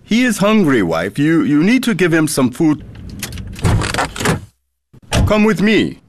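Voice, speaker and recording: An actor playing a compassionate male soldier in a radio drama, halting with uh fillers. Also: a little high, huge pitch swings, background noise, heavily acted. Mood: kindly.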